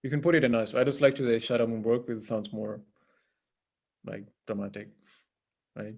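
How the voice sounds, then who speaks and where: A man's voice: mid-range voice, fairly quick. A man giving an informal spiritual talk over a video call. He hesitates, repeats words and keeps checking in with "right?". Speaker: temple priest and guest speaker.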